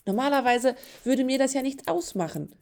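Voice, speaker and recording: A woman voicing a gentle young pregnant woman in a storybook reading. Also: high-pitched, moderate pace, voice pushed up. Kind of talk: storybook narration.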